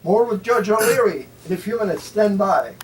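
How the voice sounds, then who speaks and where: An American man hosting a casual live interview talks in a rambling, folksy, informal way. His voice sits high with lively intonation at normal speed. The mic is distant, with faint ambient noise.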